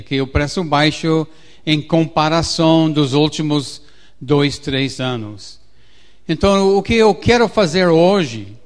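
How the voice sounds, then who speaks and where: An American man, a native English speaker with an American accent, gives a public lecture as an economist in halting, non-native phrasing. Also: fairly high pitch. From United States. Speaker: agricultural economist, guest speaker.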